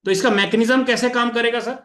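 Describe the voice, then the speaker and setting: A man's voice: extremely high pitch, steady tone, quick pace, fairly bright tone, reverberant. A man presenting an income plan over a screen share, repeating himself and answering his own questions while calling listeners sir.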